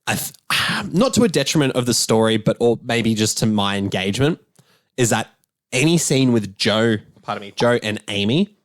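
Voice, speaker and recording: A man co-hosting a casual podcast as a film critic, talking in an animated, rambling way with restarts. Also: mid-range voice, normal speed, no echo.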